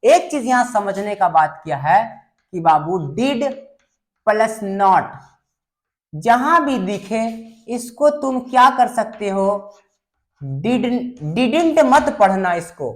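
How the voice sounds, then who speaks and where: Slow, patient woman teacher. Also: mid-range voice, expressive. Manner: patient, addresses students as "babu"; repeats and drills English sentence patterns. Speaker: English teacher. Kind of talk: classroom grammar lesson.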